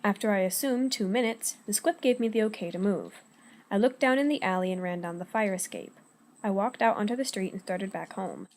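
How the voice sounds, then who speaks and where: In an amateur comic dub, a woman voices an anxious, sarcastic teenage boy narrating his own story, her natural voice medium-pitched, fairly quick and darkish. It sounds recorded on an old device, with video game music playing behind her.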